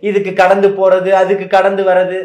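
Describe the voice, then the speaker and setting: A fiery male party spokesman fires back at an interviewer with rhetorical questions that swell into impassioned outbursts. His voice sits fairly high for a man, and it rings with echo from the setting. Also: completely flat delivery, fairly quick. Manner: combative, rhetorical questions, rising to impassioned shouting. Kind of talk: heated political interview.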